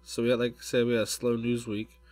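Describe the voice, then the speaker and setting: A man's voice: medium pitch, monotone, a little fast, darkish tone, dry recording. A man hosting a casual motorsport podcast, rambling and restarting his sentences often. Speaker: podcast host.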